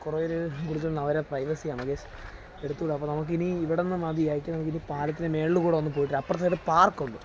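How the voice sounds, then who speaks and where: High-pitched man mixing in English. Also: flat delivery, very fast. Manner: mixes English words into Malayalam. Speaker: travel vlogger. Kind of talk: casual chat to camera. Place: outdoors and on the road. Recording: noisy outdoor phone audio, vehicle sounds.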